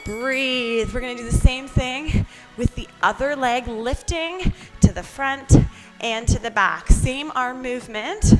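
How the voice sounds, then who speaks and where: A woman's voice: high-pitched, unhurried, hardly any pauses, faint music behind. A woman leading a workout as instructor, encouraging and counting down cues while exercising along. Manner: exerting herself while talking, exercising along.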